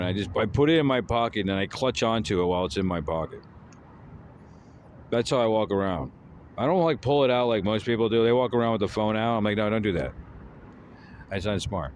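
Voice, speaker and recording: A man's voice: lowish voice, fast, a little hiss or hum. A man giving a rambling, scolding comic rant as a vlogger. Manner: lecturing, scolding, repetitive.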